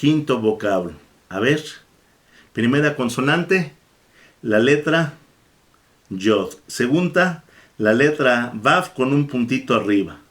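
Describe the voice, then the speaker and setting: A man teaches a Bible Hebrew lesson at a deliberately slow pace. His voice sits at an ordinary middle pitch, and he repeats each word several times for his listeners. Between points he pauses to give thanks to God. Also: animated, fairly bright tone. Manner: repeats words slowly for the learner, blesses God between points. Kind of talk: slow, patient classroom lesson.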